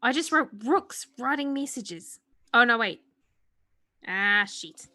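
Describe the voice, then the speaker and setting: A woman's voice: fairly high pitch, expressive, slow, sharp tone. A woman chatting casually as a tabletop game player, informal and interrupting herself.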